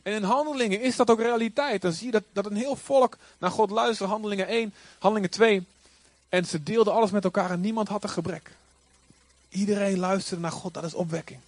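A male pastor preaching a sermon with passion, rising now and then to loud cries. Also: high voice, fairly quick, no echo.

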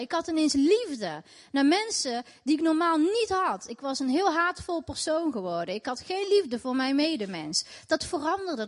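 A woman telling her personal faith testimony in an earnest, emotional way, often repeating her phrases. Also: high voice. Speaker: testimony speaker. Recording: echoey hall with long reverb.

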